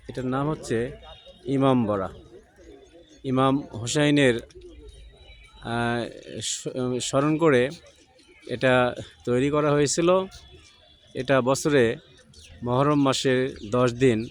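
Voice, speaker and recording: Man giving an outdoor palace tour. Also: mid-range voice. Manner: measured, speaks in short broken phrases. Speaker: travel vlogger. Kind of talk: on-location guided tour. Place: outdoors at a historic palace site.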